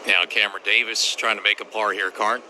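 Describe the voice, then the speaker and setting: A man's voice: on the low side, level tone, brisk, bright, forceful tone, a little hiss or hum. A man anchoring live golf commentary, giving leaderboard updates and handing over to reporters. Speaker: anchor host of golf radio coverage.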